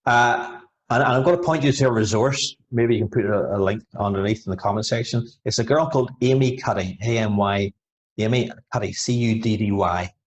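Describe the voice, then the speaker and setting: A low-pitched man explains his work as a hypnotherapist. He talks in a steady, casual way, restarting and repeating phrases as he goes. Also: fairly quick, dull audio. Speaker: hypnotherapist guest. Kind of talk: casual interview over video. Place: home, over a video call.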